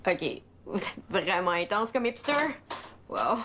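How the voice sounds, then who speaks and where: A woman voicing a cheeky, high teen girl. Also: a little slow, very noisy, lightly acted. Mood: teasing. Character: bubbly teenage girl visitor, cheeky. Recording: loud music behind.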